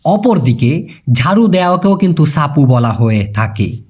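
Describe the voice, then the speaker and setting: A man's voice: on the high side, sing-song, normal speed, darkish tone, husky. A young Bangladeshi man giving a casual video lesson, chatty, calling viewers brother and checking that they follow. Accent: Bangladeshi Bengali. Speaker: language teacher.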